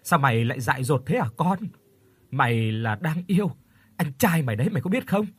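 A man putting on a shrill scolding village mother. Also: animated, fairly quick, slightly rough, dry recording. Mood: wailing. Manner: wailing, sharp-tongued scolding.

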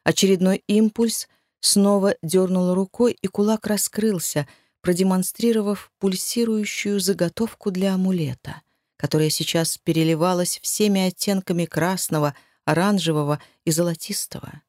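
Expressive woman narrating an audiobook. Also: fairly low pitch, moderate pace, no echo, studio quality. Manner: expressive, emotional reading. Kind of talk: first-person audiobook narration.

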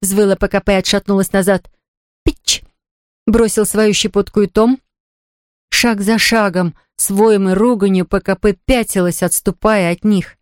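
A woman narrating a children's story aloud in a lively, expressive reading. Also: medium pitch, moderate pace, no room sound, clean studio sound. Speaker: audiobook reader.

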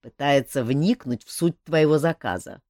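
A woman's voice: sits low, moderate pace, a little mellow, no room sound, studio quality, close to an everyday voice. A woman voicing a jovial male companion who teases his friend. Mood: teasing. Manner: teasing.

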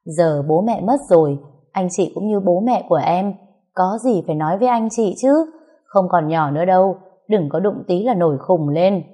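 A taunting, foul-mouthed brother-in-law in a spoken story, voiced by a woman narrator. He sneers and mocks in a low, mellow voice. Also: moderate pace, lightly acted. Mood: mocking. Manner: taunting, mocking, coarse. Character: scheming loud-mouthed male brother-in-law, middle-aged.

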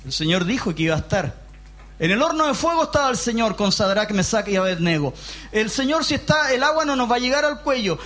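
A man with a Chilean accent preaching a lively sermon in a church hall, emphatic and often raising his voice, with joking asides. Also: sits high, fairly quick. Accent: Chilean Spanish. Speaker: pastor.

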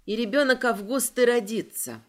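A woman reading a first-person fantasy story aloud, expressive and emotional in her storytelling. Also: fairly high pitch, normal speed. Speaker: audiobook narrator.

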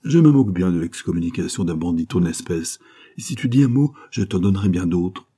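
A man's voice: sits low, animated, brisk, warm tone, slightly rough. A man voicing a spirited, indignant young Venetian woman who speaks in a fiery, defiant way. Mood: scornful.

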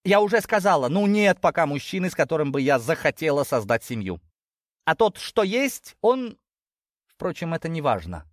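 A man voicing a fed-up, sharp-tongued young female sheep who snaps and gets exasperated. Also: fairly high pitch, big pitch swings, normal speed, no room sound, clean studio sound, voice pushed up. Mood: furious. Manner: exasperated, snapping.

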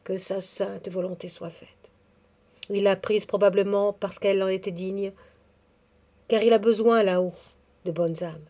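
A woman's voice: mid-range voice, steady tone, a little slow, pauses often. A woman reading the part of a devout, grieving elderly nursemaid, speaking tenderly and confidingly. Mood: mournful. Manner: tender, pious, softly confiding.

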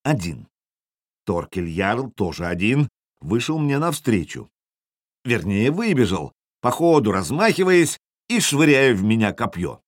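A man's voice: on the low side, sing-song, a little slow, dry recording, clean studio sound. A man narrating a story in the first person, expressively. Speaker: audiobook narrator.

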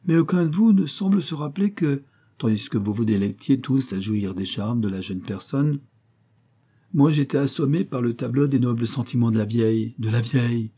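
A man's voice: mid-range voice, moderate pace, dark tone, lightly acted. A man reading aloud, voicing a weary, fretful genteel mother who speaks with dramatic exasperation.

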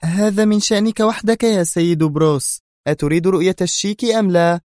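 A man's voice: high-pitched, brisk, a little mellow, no room sound, clean studio sound, voice pushed up, natural voice. A man voicing an Egyptian woman history professor who speaks in a tense, urgent way. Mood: sharp.

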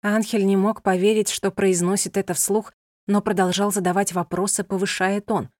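A woman narrating a novel in an even, measured storytelling manner. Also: mid-range voice, no room sound, clean studio sound. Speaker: audiobook narrator.

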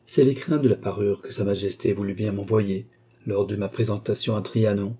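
A man reading an audiobook, voicing a gentle, devoted young noble lady in a softly lifted voice. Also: lowish voice, fairly even intonation, normal speed, slightly rough. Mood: tender.

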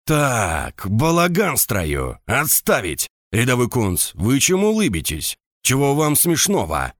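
A man voicing a hoarse, bullying drill sergeant who barks crude insults and commands at his soldiers in an audiobook. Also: medium pitch, huge pitch swings, unhurried, no room sound, clean studio sound, voice pushed up. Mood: barking, scolding. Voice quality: hoarse barking shouts.

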